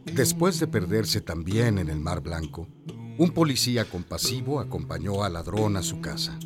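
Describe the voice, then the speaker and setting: Man, audio drama narrator, low voice, animated intonation, scripted literary reading, backed by music. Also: moderate pace.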